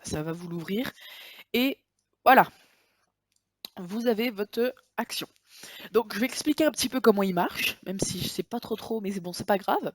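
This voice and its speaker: A woman's voice: mid-range voice, no room sound. A woman talking through a screen-recording tutorial in a casual, chatty way, often hesitating and correcting herself. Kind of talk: casual software tutorial walkthrough.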